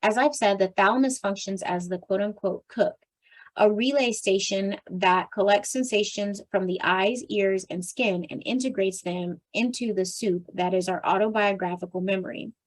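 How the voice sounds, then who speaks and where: A tired, slightly strained woman reading a nonfiction book aloud for a book club, now and then clearing her throat and restarting a stumbled phrase. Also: mid-range voice, normal speed, low-quality recording. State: tired, voice strained from much talking.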